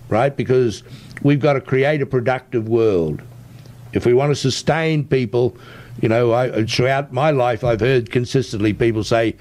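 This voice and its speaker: An Australian man is being interviewed and explains his views at a medium pitch. He is emphatic and insistent, pressing his points persuasively and tagging sentences with a checking "right?". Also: darkish tone. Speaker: interview guest, tech entrepreneur.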